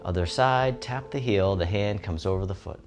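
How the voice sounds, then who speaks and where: A man giving serene, gentle tai chi instruction in short, soothing guided movement cues. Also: low-pitched, moderate pace. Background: instrumental music.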